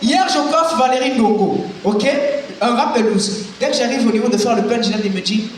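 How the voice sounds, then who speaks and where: Male stand-up, high voice, animated storyteller who shouts his punchlines; the stage mic is picked up from a distance. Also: normal speed, a little hiss or hum. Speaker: stand-up comedian. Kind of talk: stand-up comedy routine. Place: festival stage before a live audience. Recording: echoey hall recording from far off.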